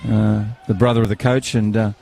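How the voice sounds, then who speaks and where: A man's voice: fairly low pitch, level tone, brisk, creaky, warm tone. A man, commentating live on a football match outdoors, chatty and rambling, with banter and fillers.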